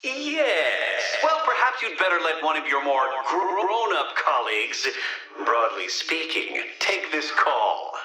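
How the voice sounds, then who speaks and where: A man's voice: on the high side, sing-song, takes it slowly, bright, forceful tone, exaggerated voice, rough recording. A man voicing a smug, theatrical video game villain who taunts in a pompous, condescending way, heard through a radio effect. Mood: smug condescension. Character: smug, theatrical male villain obsessed with riddles.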